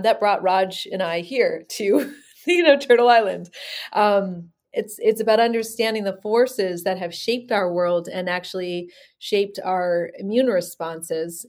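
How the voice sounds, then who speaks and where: Woman, middle-aged, Bay Area, lowish voice, reflective and measured, interview guest. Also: darkish tone. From San Francisco Bay Area. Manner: reflective, measured, many fillers. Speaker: physician and co-author. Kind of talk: interview conversation.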